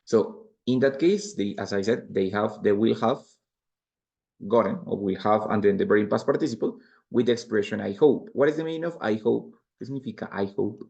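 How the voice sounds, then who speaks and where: Speaking fairly quickly in a lowish, slightly mellow voice with vocal fry, a Spanish-accented man in his forties delivers a bilingual grammar lecture over lo-fi audio. He explains English structures patiently, one step at a time, using repeated examples.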